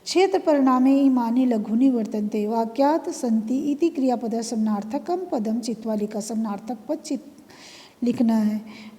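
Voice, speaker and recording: A patient woman teacher with a fairly high, mellow voice walks through exercise answers step by step, repeating key words as she goes. The recording carries a long reverb. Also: normal speed. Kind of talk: classroom lesson explaining exercise answers. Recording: long reverb, room echo.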